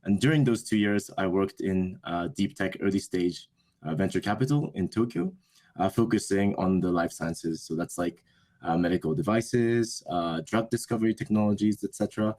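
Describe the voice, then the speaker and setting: Low-pitched and darkish in tone, this voice belongs to a young man at normal speed. He's a business school student being interviewed, a native Japanese speaker, and his answers come out thoughtful and hesitant, with frequent self-corrections.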